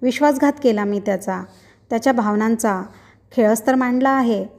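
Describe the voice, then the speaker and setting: A woman's voice: fairly high pitch, moderate pace, darkish tone, lightly acted. A woman reading a story aloud, voicing a distraught young woman who pleads and talks desperately. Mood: pleading.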